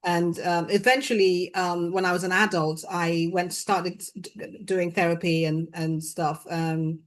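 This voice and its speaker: A woman in her sixties hosting an interview, speaking softly and haltingly with many restarts. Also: lowish voice, flat delivery. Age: 60s. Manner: soft, halting, many restarts and trailing words. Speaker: host. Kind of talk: heartfelt conversational interview.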